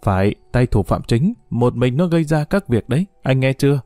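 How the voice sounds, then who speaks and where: A man voicing a sharp, intense young male detective who talks urgently and confidently. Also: mid-range voice, lively intonation, moderate pace, no echo, clean studio sound, close to an everyday voice. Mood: scheming.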